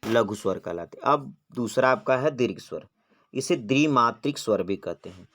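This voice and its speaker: A man's voice: mid-range voice, expressive, moderate pace, fairly bright tone. A man teaching an exam-prep grammar lesson, posing questions and answering them himself, drawing out vowel sounds when he demonstrates them.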